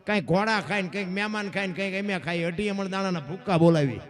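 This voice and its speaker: A man telling a folk tale in dayro style, acting out each character's lines. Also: fast. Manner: animated, acts out characters' lines with shifting pitch. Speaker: folk storyteller. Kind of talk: Gujarati folk dayro storytelling.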